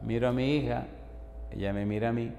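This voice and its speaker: A man's voice: mid-range voice, steady tone, a little fast, vocal fry, mellow. A male pastor preaching a sermon, telling a story and rising to fervent appeals. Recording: echoey hall with faint noise.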